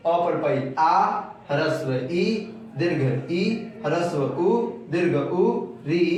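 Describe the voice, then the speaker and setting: A man teaching a grammar lesson, explaining patiently and repeating key terms, slowing down to spell out each sound. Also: high-pitched, darkish tone. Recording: very echoey room, voice from far off.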